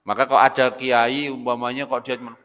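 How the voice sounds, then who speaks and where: A man preaching an Islamic sermon, swinging between loud emphatic bursts and quiet asides, often addressing listeners as "Pak". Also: medium pitch, flat delivery, a little fast. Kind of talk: lecture-style religious sermon. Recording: long reverb of a large hall.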